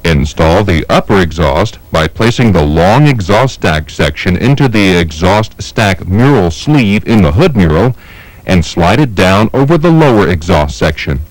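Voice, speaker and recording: A man with a fairly low voice narrates a training film, working through scripted instructions in a measured, methodical, step-by-step way. His intonation is highly varied, with big pitch swings. The recording is dry and low in quality, with little room around the voice.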